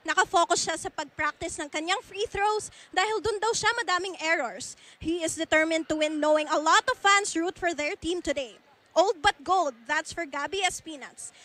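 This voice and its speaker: A woman's voice: very high-pitched, moderate pace, pushed and bright. A woman with a Filipino accent delivering a scripted report as a sports reporter.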